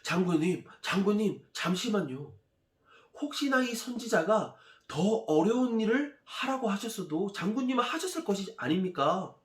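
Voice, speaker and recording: A man's voice: big pitch swings, normal speed. A man voicing loyal soldiers who coax and plead with their general, in an echoey room. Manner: coaxing, raised pitch.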